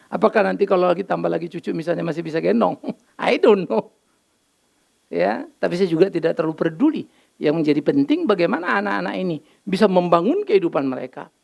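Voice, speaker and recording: Older man, pastor, sermon; gravelly high voice, very animated storytelling. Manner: lively storytelling, acts out dialogue, mixes in English phrases. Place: church.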